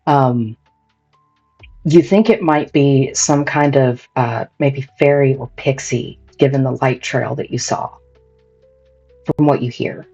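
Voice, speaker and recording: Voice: medium pitch, takes it slowly, dark tone, breathy edge. A game master casually and hesitantly narrating a tabletop role-playing game. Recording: dull lo-fi audio, faint music behind.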